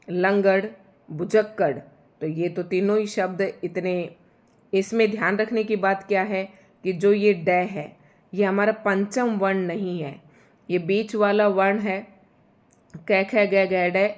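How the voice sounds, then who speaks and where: Brief: slightly low-voiced woman teaching spelling, slow and careful, corrects herself as she goes. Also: darkish tone. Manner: slow, careful syllable-by-syllable pronunciation, self-correcting. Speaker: Hindi teacher for exam preparation. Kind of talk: online spelling lesson.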